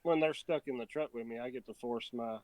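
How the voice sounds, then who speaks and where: A man with an ordinary mid-range voice talks in a relaxed interview. His delivery rambles and restarts often, and the recording is dry and close. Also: medium pitch, a little fast, no echo, poor audio. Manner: easygoing, rambling, with many restarts and fillers. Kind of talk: casual interview chat.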